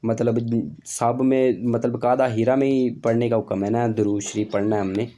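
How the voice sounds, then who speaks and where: A man gives a religious lesson in a mellow, warm voice. He talks informally and repeats himself, leaning on fillers as he explains. His pitch sits in an ordinary middle range. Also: flat delivery, moderate pace. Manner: informal, repetitive, with many fillers. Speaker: religious teacher.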